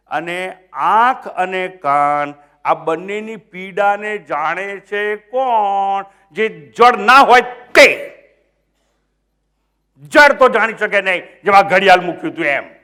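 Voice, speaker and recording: A high-voiced older swami with a Gujarati accent delivers a sermon. He drops to near murmurs, then rises to loud, emphatic points. He keeps quizzing his listeners and mixes English phrases into his talk. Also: clear, resonant tone. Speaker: swami giving a spiritual discourse.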